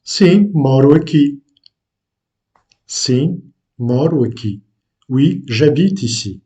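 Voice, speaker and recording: Slow, hesitant man teaching language. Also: medium pitch, expressive, warm tone. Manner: slow and deliberate, with frequent hesitations. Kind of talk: unscripted language lesson.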